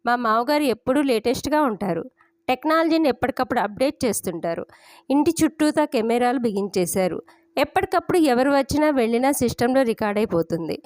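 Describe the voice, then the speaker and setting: Woman narrator, first-person audio story, slightly high pitch, dry booth sound. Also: dry recording.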